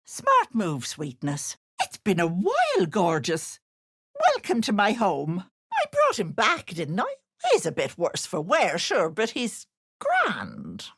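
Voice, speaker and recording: A woman's voice: mid-range voice, huge pitch swings, slow, a bit bright, slightly rough, dry recording, studio quality, heavily acted. A woman playing a sly, wicked old hag in a video game, posing as a sweet auntie, with cloying endearments laid over gloating menace. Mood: syrupy teasing. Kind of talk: video game character voice acting.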